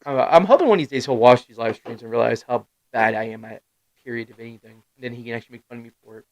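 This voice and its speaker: A man's voice: medium pitch, rapid-fire, poor audio. Rambling, self-mocking man on a live stream. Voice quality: swears freely, laughs at himself. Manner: rambling storyteller with sudden loud outbursts. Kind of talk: casual chat.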